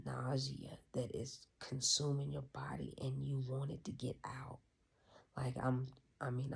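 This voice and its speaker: Gravelly, breathy hushed storyteller. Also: mid-range voice. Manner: profane, hushed and half-whispered, reflective. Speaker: vlogger. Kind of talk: candid personal retreat recap.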